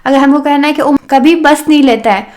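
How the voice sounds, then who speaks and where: A woman with an Urdu accent teaching an English grammar lesson, explaining step by step and reading example sentences slowly and deliberately. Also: high voice, darkish tone. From South Asia. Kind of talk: language lesson.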